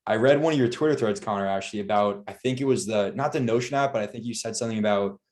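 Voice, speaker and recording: A modest young man in his twenties is a guest on a podcast. He talks quickly in a fairly low voice, easygoing and unassuming. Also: a little mellow. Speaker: guest software engineer. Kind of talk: casual interview.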